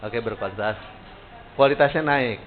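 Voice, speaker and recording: A man's voice: medium pitch, normal speed. A man teaching a live sales training session, talking casually and putting questions to the audience. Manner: casual, animated, quizzes the audience. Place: training room. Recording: tinny lo-fi sound with faint hiss.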